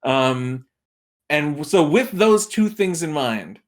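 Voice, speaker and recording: A podcast guest who reviews films, this man has a somewhat high, expressive voice and speaks slowly. He chats casually about movies in a storytelling manner, acting out brief imagined reactions to make his case.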